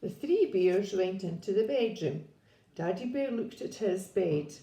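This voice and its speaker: Slow, expressive woman reading a storybook. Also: medium pitch. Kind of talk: children's story read-aloud. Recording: echoey room.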